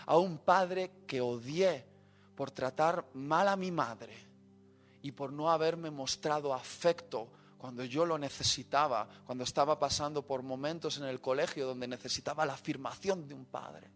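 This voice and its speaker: A man giving a sermon testimony, moving quiet storytelling to loud, impassioned outbursts. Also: fairly high pitch, a little slow, slight background noise. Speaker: preacher. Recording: faint music behind.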